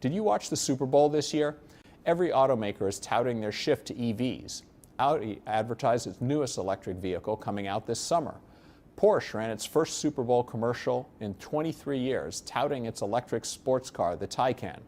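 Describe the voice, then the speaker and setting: A man's voice: mid-range voice, lively intonation, moderate pace, a little mellow. An American man delivering a scripted, persuasive sales narration as a presenter, explaining things in an emphatic, assured way. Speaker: presenter of an investment promotion.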